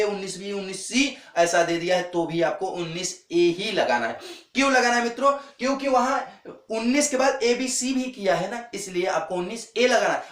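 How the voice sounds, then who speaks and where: A male teacher with a high voice gives an earnest exam-prep lecture. He repeats the key points and keeps calling his viewers friends. The sound is echoey, as if he were recorded in a bare room. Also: fairly bright tone.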